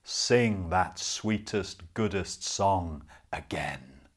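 A man voicing a great grey male wolf that loudly coaxes and drags out its commands. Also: sits low, very slow, husky, pitched below the performer's own voice, full character voice. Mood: coaxing.

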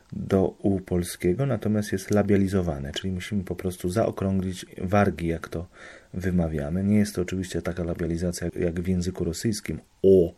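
Low, mellow-voiced man explaining phonetics. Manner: measured, explanatory, pauses to check understanding. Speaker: student presenting a lecture topic. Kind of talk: academic explanation.

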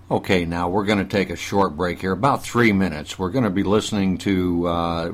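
A man hosting a casual animal webcast, speaking in a folksy way to "folks" and often restarting his sentences. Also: low voice. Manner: folksy, addresses listeners as folks, frequent restarts. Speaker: host.

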